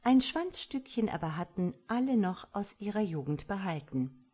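A woman narrating a storybook in an expressive, unhurried way. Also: mid-range voice, husky. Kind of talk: storybook reading.

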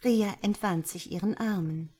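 A woman narrating a story in a measured, even reading style. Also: medium pitch, husky.

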